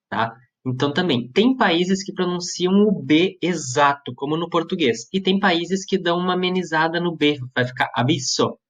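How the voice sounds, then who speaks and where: A man teacher walking students through a lesson step by step, patiently checking in with them as he explains. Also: medium pitch. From southern Brazil. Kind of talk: recorded classroom lesson. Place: Brazilian school lesson.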